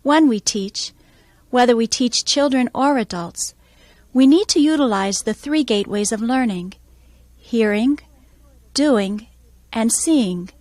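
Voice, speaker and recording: A woman music teacher explaining her methods in a calm, measured instructional voice-over. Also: a little high, no echo.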